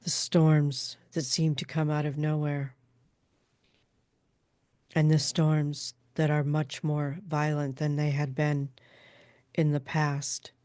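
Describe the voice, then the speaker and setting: A woman trance channeling a calm female spirit like a seance medium, speaking in formal, halting, measured pronouncements. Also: sits low, no echo, studio quality.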